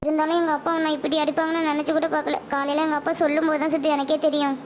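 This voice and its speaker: A woman voicing a gentle young college girl in a cartoon who speaks softly and apologetically, close to tears. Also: sits high, steady tone, rapid-fire, slight background noise, natural voice. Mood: tearful. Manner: soft, apologetic, tearful. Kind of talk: cartoon voice acting.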